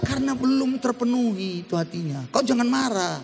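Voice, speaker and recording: A middle-aged man preaching a lively, humorous sermon in a church, drawing call-and-response from the congregation. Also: very high voice, brisk. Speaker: pastor. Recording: long church-hall reverb.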